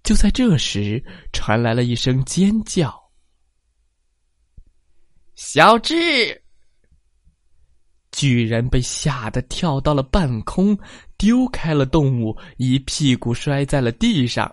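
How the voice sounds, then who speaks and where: A storyteller reading a children's story aloud, slow and expressive, adding sound effects. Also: mid-range voice, dry recording, studio quality.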